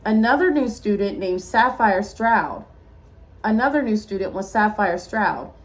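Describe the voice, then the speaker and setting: Her pitch is medium and her pace measured as she reads aloud from a rhyming picture book, much like a teacher. It's expressive storytelling, punctuated by brief remarks to the children.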